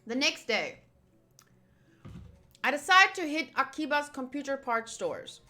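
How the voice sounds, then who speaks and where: Unhurried yet forceful, her bright, high voice swings widely in pitch. She is a woman livestreaming a visual novel, reading its text aloud and tossing in playful, chatty, self-interrupting asides.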